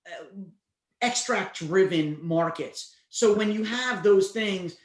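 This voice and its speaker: A man's voice: high-pitched, slow. A man speaking as a cannabis investor in a casual podcast discussion, teasing and bantering. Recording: echoey room.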